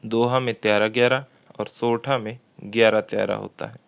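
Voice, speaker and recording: A man's voice: on the low side, steady tone, gravelly, smooth, highs cut off. A man teaching a Hindi grammar lesson for exam preparation, reading each question twice and working through it step by step. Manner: slow and methodical, repeats questions aloud.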